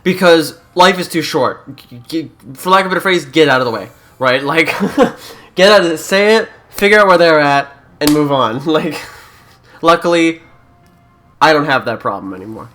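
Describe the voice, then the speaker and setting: A man's voice: a little high, expressive, moderate pace, fairly bright tone. A young Canadian man who is a YouTuber, chatting casually through a let's-play, joking and reading game prompts aloud.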